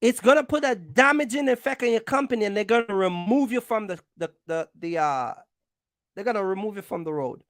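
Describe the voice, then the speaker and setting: This woman runs a trucking channel and hands out advice in a casual explainer, using blunt, emphatic slang and repeated phrases to drive points home. She talks fairly quickly in an animated, mid-range voice, with clean studio sound and no room echo.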